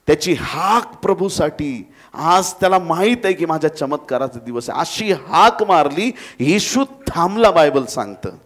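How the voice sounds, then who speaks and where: A man preaching a sermon in church, dramatically acting out voices and calling out to the congregation. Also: medium pitch. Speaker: pastor.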